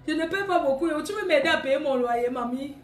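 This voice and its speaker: A woman's voice: sits high, expressive, fairly quick, reverberant, slight background noise. A woman selling clothes on a live stream, chatting with her viewers in a scolding, teasing, laughing way.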